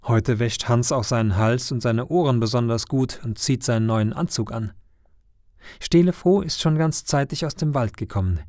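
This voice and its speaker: A man narrating a children's Christmas story in a gentle storytelling manner. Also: mid-range voice, normal speed, no echo, studio quality. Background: faint music.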